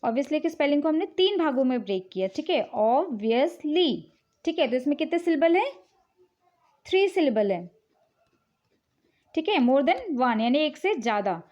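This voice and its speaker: A woman's voice: high voice, sing-song, normal speed, pauses often, a little mellow. A woman teacher explaining English spelling rules patiently, mixing in English words and checking in often. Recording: dull, lo-fi recording.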